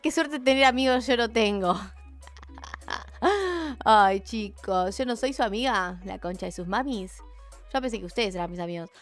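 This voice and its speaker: A woman's voice: on the high side, animated, moderate pace. A young woman with an Argentine accent, chatting casually on a livestream, rambling, joking and poking fun at herself in slangy talk. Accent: Argentine Spanish. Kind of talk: casual live-stream chat. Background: faint music.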